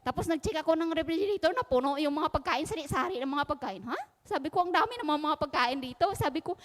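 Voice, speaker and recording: Earnest high-voiced woman giving thanks. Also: animated. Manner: earnest, grateful, halting with fillers. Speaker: domestic worker giving testimony. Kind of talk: personal testimony. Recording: long reverb in a large hall.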